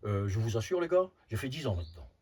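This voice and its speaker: A man's voice: fairly low pitch, big pitch swings, fast, darkish tone, breathy edge. A man over fifty giving an informal spiritual talk as a Sufi teacher, often repeating words and tagging phrases with short asides. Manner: repeats words, frequent "hein" tags, emphatic bursts.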